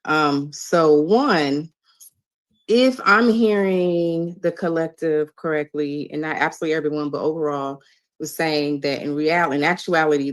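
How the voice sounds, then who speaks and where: A woman guest on a panel, making her point carefully and hesitantly. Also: low voice. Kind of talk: measured panel discussion.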